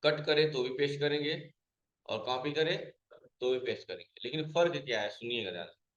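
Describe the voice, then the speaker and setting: A man's voice: mid-range voice, brisk, echoey room, muffled recording. A man teaching a computer class, asking his students questions and then answering them himself, repeating each key point. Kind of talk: classroom lesson.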